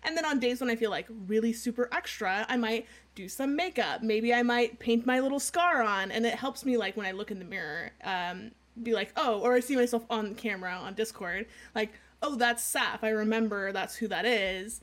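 A talkative woman with a fairly high voice, chatting casually about role-playing. She rambles into tangents and laughs easily. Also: fairly quick, hardly any pauses. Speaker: tabletop game player. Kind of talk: casual chat.

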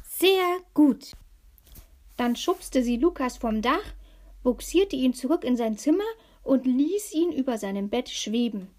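A woman reading a children's story aloud in a calm, unhurried storytelling manner. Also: high-pitched. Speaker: narrator.

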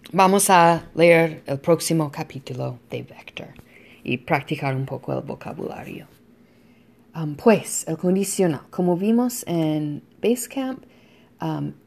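A woman teaching a Spanish lesson to students, explaining slowly and patiently with soft fillers between points. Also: on the low side. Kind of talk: recorded online lesson.

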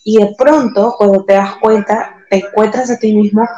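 A young woman with a Peruvian accent banters playfully as a podcast co-host, teasing her partner in a mid-range voice. Her voice carries a clear roomy echo. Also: medium pitch, steady tone, moderate pace, warm tone, muffled recording. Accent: Peruvian Spanish. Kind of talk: casual chat.

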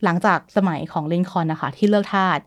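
A woman's voice: lowish voice, quick pace. A woman born in the United States and a native English speaker, chatting casually as a guest and explaining history, easily mixing English terms into her speech.

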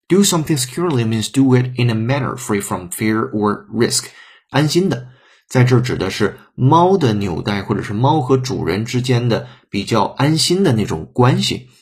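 A man with a slightly husky voice explains an English lesson at an even, steady pace. He works through each phrase piece by piece and pauses to spell words out letter by letter. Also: mid-range voice. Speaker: English teacher.

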